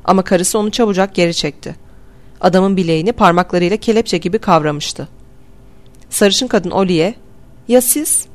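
A woman reading a novel aloud as a steady, measured audiobook narration. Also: on the low side. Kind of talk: scripted narration.

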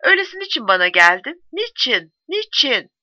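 A woman's voice: mid-range voice, sing-song, fairly quick, sharp tone, no room sound, dull audio. A woman voicing a frantic young village postwoman in a read-aloud novel, pleading and insistent. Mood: desperate. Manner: urgent, insistent, rising to cries.

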